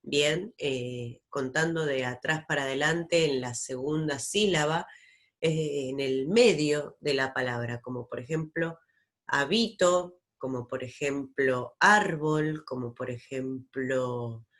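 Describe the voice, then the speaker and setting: A woman teacher giving a recorded lesson over slides, explaining slowly and patiently with frequent pauses and fillers. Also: very deep voice.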